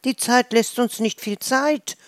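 A woman's voice: a little high, measured pace, no room sound, studio quality, pitched above the performer's own voice, lightly acted. A woman voicing a small, cheerful and curious squirrel in a storybook, wondering aloud. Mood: exasperated. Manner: wondering, mildly puzzled.

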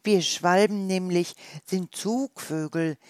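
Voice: medium pitch, takes it slowly, darkish tone, no echo, clean studio sound, natural voice. A storyteller voicing a matter-of-fact swallow in a storybook. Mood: explaining. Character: swallow, migratory bird.

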